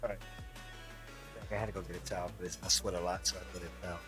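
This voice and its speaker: A man's voice: sits low, level tone, quick pace, music in the background. A man hosting a casual livestream, rambling as he talks straight to viewers in the chat. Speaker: livestream host. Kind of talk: casual live-stream commentary.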